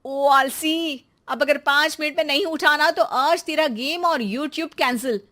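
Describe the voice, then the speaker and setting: A woman voicing an exasperated, sarcastic Indian mother who nags loudly and dramatically in a children's cartoon story. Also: high-pitched, unhurried, voice pushed up. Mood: scolding. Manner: sarcastic, loud nagging with dramatic exclamations. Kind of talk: animated children's comedy story.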